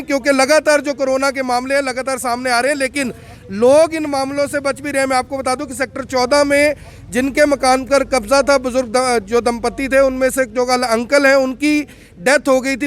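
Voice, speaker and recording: High-voiced man reporting outdoors. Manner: leading questions, emphatic commentary. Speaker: field reporter. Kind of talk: on-the-spot news reporting. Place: outdoors at a cremation ground.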